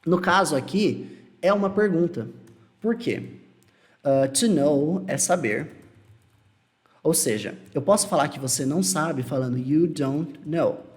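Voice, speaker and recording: A man's voice: a little high, expressive, measured pace, pauses often. Brazilian man teaching English casually. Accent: Brazilian Portuguese. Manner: explains patiently, repeats phrases, shifts pace often. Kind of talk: casual video lesson.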